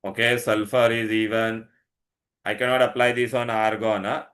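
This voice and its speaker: Indian guy teaching a class, lowish voice, keeps repeating stuff and checking everyone gets it. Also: level tone, normal speed, fairly bright tone. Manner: instructive, repetitive, checks understanding often. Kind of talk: online science lesson, questioning pupils.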